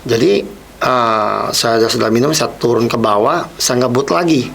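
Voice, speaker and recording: A man's voice: medium pitch, unhurried, creaky, a bit bright, a little hiss or hum. A man telling his personal testimony as a podcast guest, reflective and replaying his own past words.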